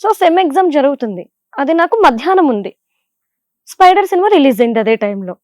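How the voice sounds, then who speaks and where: A woman's voice: sits high, fast talker, no echo, clean studio sound. A young woman, a television serial actress with a Godavari Telugu accent, chatting in an interview with lots of fillers. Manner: chatty and animated, with frequent fillers. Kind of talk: casual interview answers.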